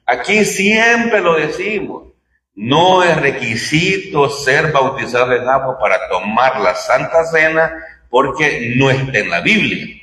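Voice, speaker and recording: A man's voice: mid-range voice, expressive, slow, bright, forceful tone. A man preaching a sermon in a church, talking conversationally and asking his listeners rhetorical questions. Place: church hall. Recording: echoey church hall.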